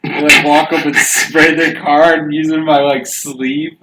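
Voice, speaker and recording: A man's voice: a little high, little pitch movement, unhurried. A man co-hosting a casual podcast, telling a funny story and acting out voices. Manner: laughing anecdote, acts out voices. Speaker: podcast co-host. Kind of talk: casual chat. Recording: echoey room with noise.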